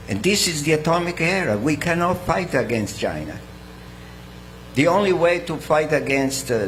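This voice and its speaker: Italian-accented man from the audience, speaks very slowly, halting and clearing his throat, noisy room with a hum. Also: medium pitch. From Italy. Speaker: audience member. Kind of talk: speaking from the floor at a seminar.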